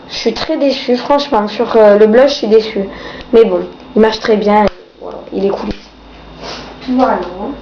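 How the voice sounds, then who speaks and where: A young woman with a blocked-nose, sore-throat voice from a cold, casually reviewing products in a vlog. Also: on the high side. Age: teenager or young adult. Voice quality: congested, blocked-nose nasal voice. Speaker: beauty vlogger. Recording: dull, roomy, faint background noise.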